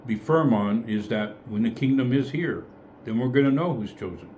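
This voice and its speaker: A man's voice: mid-range voice, animated, moderate pace, darkish tone, slight background noise. A man leading a casual group Bible study, thinking aloud in a tentative way and often correcting himself.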